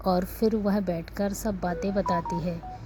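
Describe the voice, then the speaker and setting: A woman narrating a family story as a storyteller, reading every part in her own soft, steady voice. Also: medium pitch, slow, noisy background.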